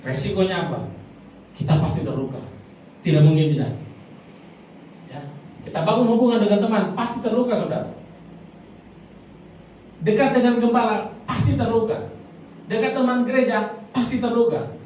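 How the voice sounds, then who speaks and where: A man's voice: high voice, normal speed, pauses often, darkish tone. A man preaches an emphatic sermon, repeatedly calling out to his congregation. He sounds set back from the microphone in a large church hall full of heavy echo. A faint hiss of noise runs beneath his words. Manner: emphatic, repeatedly addresses the congregation as brothers and sisters. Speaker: pastor. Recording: very echoey hall, mic far off, faint noise.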